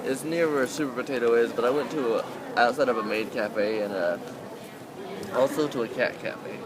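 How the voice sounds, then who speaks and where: A man's voice: medium pitch, normal speed. Informal male interviewer on a noisy street. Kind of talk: casual chat, swearing freely. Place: outdoors on a city street. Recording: noisy outdoor urban street with traffic.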